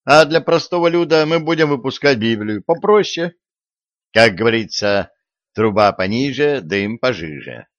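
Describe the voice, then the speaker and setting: A man voicing an eager young man who pitches his plans in a brisk, raised voice. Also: lively intonation, no room sound, close to an everyday voice. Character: eager young man, bold schemer, upbeat. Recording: dry, dull lo-fi audio.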